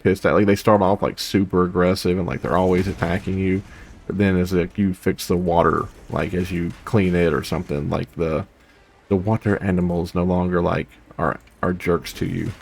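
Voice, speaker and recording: Low-pitched and creaky with a breathy edge, a young gaming host chats casually while playing. He rambles through his let's play commentary and hums to himself between thoughts.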